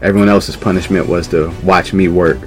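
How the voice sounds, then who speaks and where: Deep-voiced man telling a lively story. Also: fairly quick, soft background music. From New York. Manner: animated, acts out quoted voices, laughs mid-story. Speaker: podcast guest. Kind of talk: casual storytelling.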